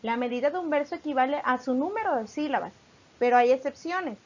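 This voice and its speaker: A woman's voice: sits high, animated, a little fast, highs cut off. A woman teaching poetry metrics, patiently explaining and stretching out syllables as she reads examples.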